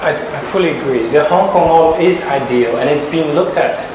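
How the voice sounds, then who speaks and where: A man's voice: on the high side, fairly quick. Echoey, hesitant man defending a thesis. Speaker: doctoral candidate at thesis defense. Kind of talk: academic presentation and discussion. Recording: very echoey room, clear background noise.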